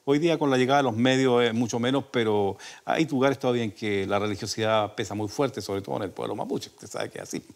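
A man's voice: medium pitch, steady tone, fast, vocal fry, few pauses. An older man from Chile with a Chilean Spanish accent, a folk singer telling long rambling stories in a radio interview. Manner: rambling, with many restarts and fillers. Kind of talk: relaxed storytelling interview. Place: radio studio.

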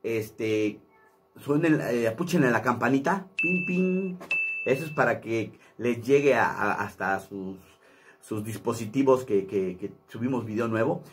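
A man's voice: mid-range voice, a little slow, noisy background. A man, a comedian chatting casually to his channel in a rambling way. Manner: chatty, rambling, many fillers. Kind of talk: casual vlog talk.

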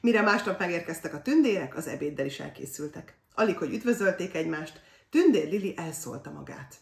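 Lady reading a kids story, low-ish voice, bouncy tone, roomy echo. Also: gravelly, far from the mic. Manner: expressive, animated.

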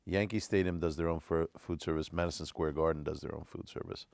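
A man in his forties speaks as a restaurateur guest on a TV studio panel. His voice is low with a gravelly fry. He explains frankly with examples, close on a dry lapel mic. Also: steady tone, a little fast, a little mellow, no echo. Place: dark TV studio set.

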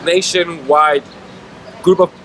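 A man in his thirties speaks with earnest insistence about his cause, his voice set a little high for a man. He is recorded outdoors on a city street, with clear traffic noise running under every word. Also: steady tone, slow, fairly bright tone. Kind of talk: street interview. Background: traffic and city ambience.

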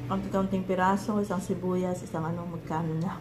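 A woman's voice: fairly low pitch, steady tone, noisy background. Filipino woman chewing while she talks. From Philippines. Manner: unhurried, chatty, with long eating pauses. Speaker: mukbang vlogger. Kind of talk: casual mukbang chat. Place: home. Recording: echoey room with clattering dishes.

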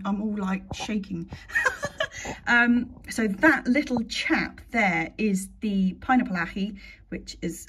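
Sitting at home by a seedling light box, a young Englishwoman vlogs about her allotment in a mid-range, breathy voice. She's casual and rambling, with frequent laughter.

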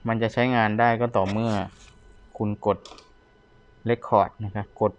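A man's voice: fairly low pitch, little pitch movement, unhurried, clean tone, highs cut off. A man giving a casual, polite product demonstration as a seller, talking the viewer through equipment. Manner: polite, ends most phrases with courtesy particles.

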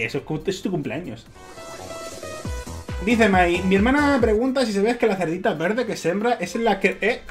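Excitable streamer with lively pitch. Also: male voice. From Spain. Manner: excitable, swears often, laughs a lot. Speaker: Minecraft streamer. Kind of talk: casual gameplay stream commentary. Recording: music playing faintly behind.

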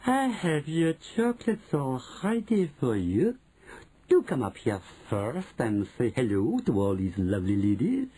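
A man voicing a cruel, imperious grand witch in an audiobook, with drawn-out, theatrical, commanding delivery. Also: mid-range voice, wildly swooping pitch, warm tone, slightly rough, voice pushed up, heavily acted, rough recording. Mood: syrupy sweet. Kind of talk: audiobook character voice.

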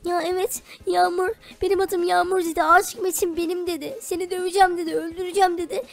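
A woman's voice: extremely high pitch, level tone, fast, vocal fry, pitched above the performer's own voice. A woman voicing a young wife in a Minecraft role-play, apologetic and pleading as she justifies herself.

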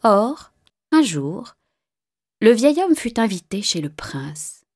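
A woman narrating a fairy tale in a calm, measured voice that sometimes drops to a hushed whisper. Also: mid-range voice. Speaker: storyteller. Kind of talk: storybook narration. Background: faint music.

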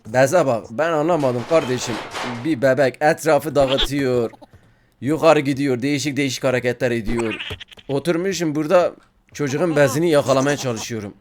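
A man's voice: mid-range voice, moderate pace, noisy background. A man giving casual gameplay commentary, joking, talking to the game's baby and yelping when startled. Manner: jokey, talks to the game baby, yelps when startled. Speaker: gaming YouTuber.

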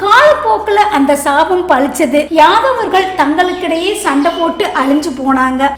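A high-pitched woman narrates a scripted devotional tale. She addresses listeners as a storytelling host, and her voice echoes around the room. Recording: roomy echo.

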